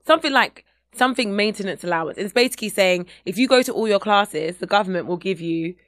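A woman's voice: medium pitch, fast talker, dry recording, clean studio sound. Laughing English woman telling stories. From England. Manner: animated storytelling, laughs often. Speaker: guest comedian. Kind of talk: casual podcast chat.

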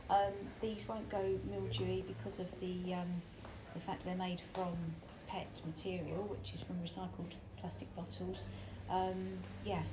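A woman showing customers around her small shop, chatty and relaxed with plenty of ums. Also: mid-range voice. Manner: chatty and relaxed, many fillers like um and uh. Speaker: shop owner giving a tour. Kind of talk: casual walk-through shop tour. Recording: echoey shop room with clear background noise.

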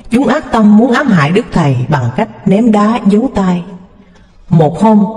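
A man narrating a devotional story as an expressive, dramatic storyteller. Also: high voice. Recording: echoey, reverberant room.

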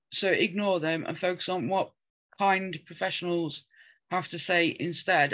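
A woman's voice: on the low side, fairly bright tone, highs cut off. Earnest rambling woman on a call. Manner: earnest, rambling with frequent ums. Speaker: podcast co-host. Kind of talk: casual chat.

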